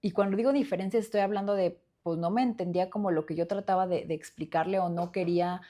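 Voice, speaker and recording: Speaking quickly with a dark, fairly low voice, a woman hosting her own podcast reflects earnestly into a studio microphone. Her speech is full of fillers and restarts.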